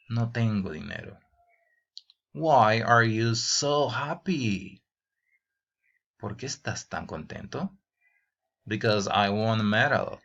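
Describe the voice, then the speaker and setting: A man's voice: on the low side, vocal fry, fairly bright tone. A man teaching English grammar to teenagers, reading each example question and translating it into Spanish. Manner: addresses students as "jóvenes". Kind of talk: bilingual grammar lesson. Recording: dull lo-fi recording.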